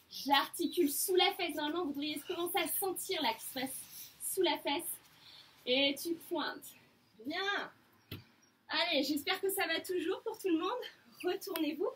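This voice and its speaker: A woman teaching a floor barre class, giving short calm commands. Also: high-pitched. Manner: calm counting cues, short commands, slow. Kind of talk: instructing an exercise class. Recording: distant mic with faint room noise.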